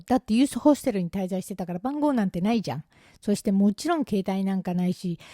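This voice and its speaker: A Japanese woman telling a casual story in a chatty, self-mocking way, with lively asides to her audience. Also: mid-range voice, no echo, clean studio sound. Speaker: vlogger.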